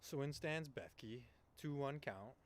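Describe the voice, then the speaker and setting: Over the din of a live ballgame broadcast, a young man from Canada calls the action casually, full of slang and jokes. He sounds animated, with a medium pitch and a slow pace.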